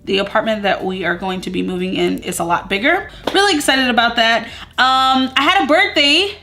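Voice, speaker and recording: A woman's voice: on the high side, fairly quick, pushed and bright, slight background noise. A woman in her thirties talking through a casual get-ready-with-me vlog at home, upbeat and rambling with plenty of fillers. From Southern US. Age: 30s. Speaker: beauty vlogger. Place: at home among moving boxes.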